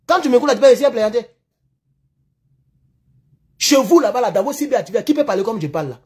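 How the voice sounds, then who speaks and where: Raspy, fiery Ivorian man ranting. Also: very high-pitched, animated, fast, darkish tone. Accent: Ivorian French. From Ivory Coast. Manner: impassioned, accusatory, repetitive. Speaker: YouTube political commentator. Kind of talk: heated political rant.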